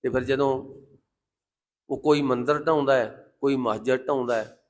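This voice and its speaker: A man preaching a Sikh sermon with passion, slowing down to intone lines of scripture. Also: medium pitch, steady tone. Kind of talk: Gurbani sermon with sung scripture quotes.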